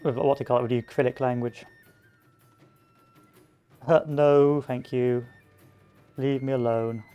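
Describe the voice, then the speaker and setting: A man chatting loosely while he plays a strategy game, his voice smooth and resonant. He wanders from thought to thought with lots of ums and uhs, at an ordinary middle pitch. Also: fairly even intonation, a little slow, dull audio, faint music behind. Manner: rambling, chatty, wanders onto tangents with many fillers. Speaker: gameplay commentator. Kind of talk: casual let's-play commentary.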